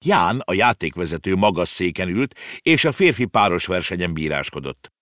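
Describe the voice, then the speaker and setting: Deep-voiced, animated male storyteller. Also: dry recording, studio quality. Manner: expressive, animated. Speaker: narrator. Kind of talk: storybook reading.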